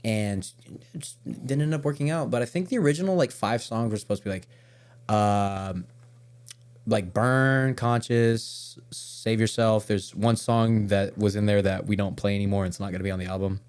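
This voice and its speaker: Male metal vocalist guest, lowish voice, rambling casual delivery. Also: normal speed, darkish tone, smooth. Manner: loose, rambling, restarts mid-sentence. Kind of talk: casual interview chat.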